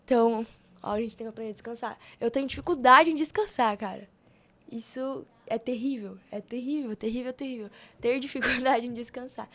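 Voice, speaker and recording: As a podcast guest, a young adult woman with a Brazilian Portuguese accent gives casual, chatty interview answers, emphatic and full of slangy repetition. Her voice is slightly high, slightly fast, and somewhat bright.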